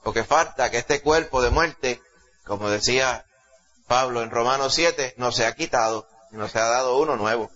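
A man with a Puerto Rican accent preaching a sermon to a congregation, emphatic, rising to loud exclamations and dropping low, often asking his listeners questions. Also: normal speed. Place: church service before a congregation. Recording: dull lo-fi recording.

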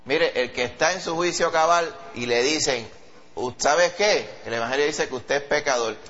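A man preaching a sermon with a Puerto Rican accent, animated and acting out quoted voices. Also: moderate pace. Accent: Puerto Rican Spanish. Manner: animated, acts out quoted voices in a high pitch. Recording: dull lo-fi sound.

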